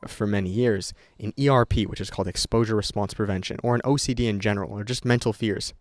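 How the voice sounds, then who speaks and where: A young vlogger rambles unscripted at his camera, swearing without restraint and restarting many times. He talks at a quick pace in a lowish voice with a steady tone, and there's no room sound.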